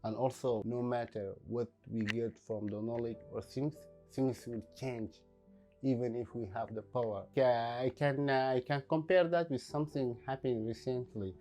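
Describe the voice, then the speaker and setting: A man speaks in a documentary interview, in a mellow, warm voice. He talks reflectively, pausing and filling gaps as he searches for words. Soft music plays faintly beneath him. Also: mid-range voice, fairly even intonation. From Sudan. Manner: reflective, halting with many fillers. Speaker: painter.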